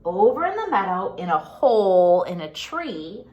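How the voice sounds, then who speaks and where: The recording is muffled as a woman with a mid-range voice reads a children's picture book in an animated, singsong way. She breaks off to ask the young listeners questions, much like a pre-K teacher.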